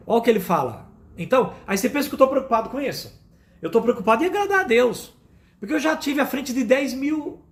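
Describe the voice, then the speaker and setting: Emphatic high-voiced Brazilian pastor preaching. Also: male voice. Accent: Brazilian Portuguese. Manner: emphatic, repetitive, addresses listeners as "amados". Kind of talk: sermon.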